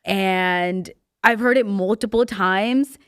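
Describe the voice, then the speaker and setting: A woman's voice: mid-range voice, slow pace, clean tone, dry recording. A young woman co-hosting a podcast, talking in an emphatic, exasperated way, recorded in a studio. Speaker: podcast co-host. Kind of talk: casual chat.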